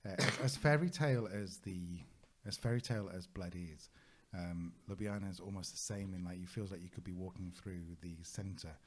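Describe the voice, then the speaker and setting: A man's voice: low voice, moderate pace, few pauses. A man co-hosting a travel podcast, chatting casually and rambling through anecdotes with lots of fillers. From United Kingdom.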